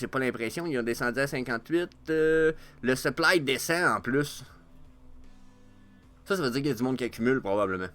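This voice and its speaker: A man with a Quebec French accent giving casual market commentary as a vlogger, excitable and swearing freely with many fillers. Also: medium pitch.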